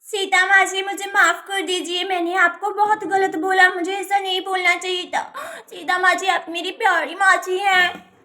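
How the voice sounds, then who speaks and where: A woman's voice: very high-pitched, little pitch movement, moderate pace, bright, forceful tone. A woman voicing a stubborn little girl who whines and pleads in a doll story. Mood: pleading. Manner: whiny, insistent.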